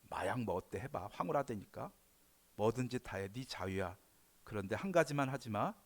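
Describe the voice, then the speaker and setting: A pastor voicing a sly male devil who tempts people in a low, hushed, coaxing voice. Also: animated, moderate pace.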